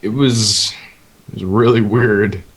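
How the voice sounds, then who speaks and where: Chill low-voiced dude cohosting a podcast, chuckles a lot. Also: male voice, steady tone, takes it slowly, crowd noise. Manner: laid-back, chuckling. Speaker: podcast co-host. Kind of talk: casual chat.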